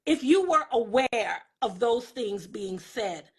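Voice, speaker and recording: A woman's voice: fairly high pitch, expressive, takes it slowly, slightly rough. A woman from the Bahamas hosting a live interview over a video call, speaking in an affirming, encouraging way. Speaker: host.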